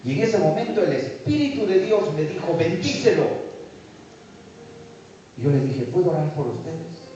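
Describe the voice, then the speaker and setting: Man, pastor, Peruvian accent, lively sermon storytelling, distant mic, dull muffled sound. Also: on the high side, brisk, few pauses, heavy reverb, slight background noise. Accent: Peruvian Spanish. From Peru. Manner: animated storytelling, acts out dialogue. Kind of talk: sermon testimony.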